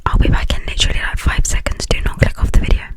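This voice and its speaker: Hushed whispering young adult, rambling ASMR. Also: quick pace. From United Kingdom. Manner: informal, rambling, hesitant stream of thought. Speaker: ASMR video creator.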